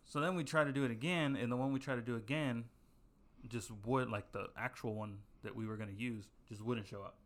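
A man's voice: mid-range voice, steady tone, a little fast. Young man, podcast co-host, casual rambling chat, lots of ums. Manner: rambling, filler-heavy storytelling.

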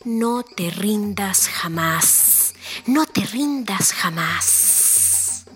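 A sly serpent dangling from the branches, leaning in with slow, hushed whispers of advice, as a woman puts it on. The voice is breathy and airy, bright at the edges, with soft music faint behind the storybook reading. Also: fairly low pitch. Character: sharp-toothed hissing serpent, sly but kindly.

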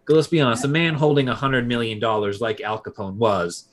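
A man co-hosting a history podcast in a relaxed, casual way, with frequent filler pauses. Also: medium pitch. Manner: relaxed, many filler uhs. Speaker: podcast co-host.

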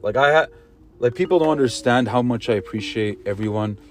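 A man's voice: mid-range voice, fairly quick, soft background music. A man hosting a casual podcast, laid-back and slangy, calling everyone bro. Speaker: podcast host.

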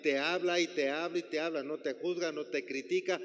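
A man's voice: fairly high pitch, steady tone, fairly quick, in a large hall. A man preaching a sermon, often asking the congregation questions. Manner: asks the congregation questions, acts out quotes. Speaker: pastor.

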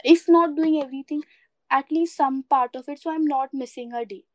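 This podcast co-host, a woman with an Indian accent, has a high voice and a moderate pace. She chats casually and reflectively, earnest and encouraging, moving between English and Hindi.

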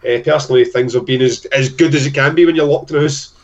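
Excitable man with a broad Glaswegian accent. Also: mid-range voice, quick pace, recorded from a distance, lo-fi sound. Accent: broad Glaswegian Scottish. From Scotland. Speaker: podcast guest, festival promoter. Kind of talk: casual interview chat.

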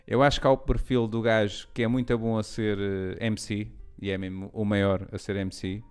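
A man's voice: lowish voice, level tone, moderate pace, a little mellow, smooth, faint music behind. A man speaks in a clean, resonant voice. He talks casually and thoughtfully, laying out his points and looking for agreement as he goes. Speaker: stand-up comedian. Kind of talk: casual conversation.

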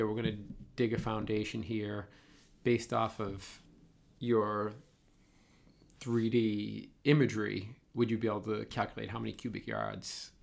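A man's voice: on the low side, creaky. A man with a Boston accent interviewing in a casual, conversational way, thinking aloud and checking his points as he goes.

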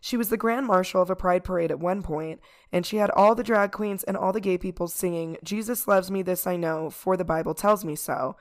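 A woman co-hosting a podcast in casual chat, speaking informally with a hoarse voice. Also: fairly low pitch, fairly quick, hardly any pauses. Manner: informal, peppers talk with "like" and "y'all". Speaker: podcast co-host.

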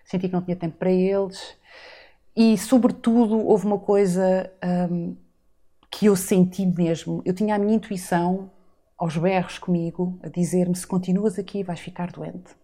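Her voice fairly low, steady, and mellow at a normal speed, a woman from the Azores in her forties shares her life story on a podcast. She's thoughtful in the casual interview and fills it with rhetorical asides.

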